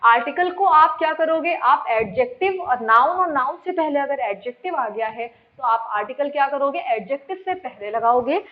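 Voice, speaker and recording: A woman's voice: sits high, lively intonation, moderate pace, hardly any pauses. A woman teacher explaining grammar in a lesson, repeating points and quizzing her students with questions. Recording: dull lo-fi sound.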